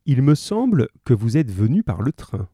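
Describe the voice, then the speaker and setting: A man reading aloud the lines of a shrewd, kindly male detective who calmly explains his deductions. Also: medium pitch, normal speed, slightly rough, dry recording, clean studio sound. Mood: calm explanation. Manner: calm, reassuring, lightly amused.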